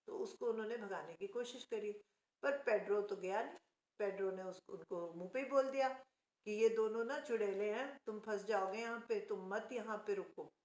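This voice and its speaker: A woman telling a fairy tale in a relaxed, chatty way, pausing to correct herself. Her voice sits at a middle pitch, and the room gives it a clear echo. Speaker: storyteller. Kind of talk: casual oral storytelling. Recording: echoey room.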